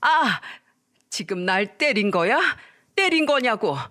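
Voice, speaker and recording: A woman's voice: fairly high pitch, animated, a little slow. A woman voicing a drunk, spiteful middle-aged mother who hurls contemptuous insults. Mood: shrill. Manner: taunting, contemptuous, yelling.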